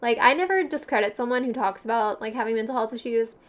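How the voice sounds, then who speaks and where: Talking fast in a fairly high pitch, this young livestream host has a Valley Girl accent. She's slangy and giggly, filling her chat with "like" and frequent laughter between phrases.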